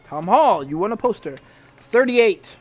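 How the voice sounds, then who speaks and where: A man's voice: high voice, lively intonation, a little slow, faint music behind. A man hosting casual weekly comic reviews, chatty and hesitant, restarting sentences and calling out emphatic verdicts. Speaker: comic shop review show host.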